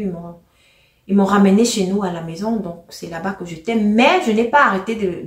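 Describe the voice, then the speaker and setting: An earnest woman narrates her own life story in a halting way, often doubling back and repeating words. Her voice sits at an ordinary middle pitch for a woman. The recording is roomy, with a clear echo around her. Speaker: storyteller sharing a personal testimony. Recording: roomy, echoey room sound.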